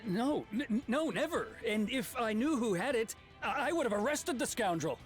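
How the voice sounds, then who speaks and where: A man's voice: very high-pitched, lively intonation, moderate pace, faint music behind, voice pushed up. A man voicing a flustered, stammering crooked lawman in a game. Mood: panicked.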